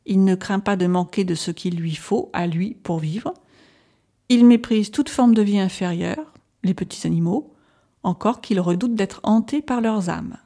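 A woman narrating a novel aloud in a measured, steady reading voice. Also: medium pitch. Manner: measured, even reading of a doctor's journal. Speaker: audiobook narrator. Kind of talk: scripted narration.

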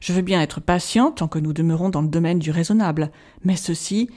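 A proud young nobleman , voiced by an audiobook narrator, speaks with heated indignation. The tone stays dark and mellow under the anger. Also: mid-range voice, a little fast, lightly acted. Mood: indignant.

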